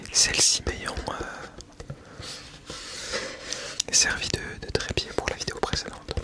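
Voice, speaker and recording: A man whispering breathily in a casual ASMR style, chatting about products with a tongue-in-cheek, mock-solemn manner into a small wireless mic. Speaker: ASMR video creator. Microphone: small clip-on wireless mic being tested.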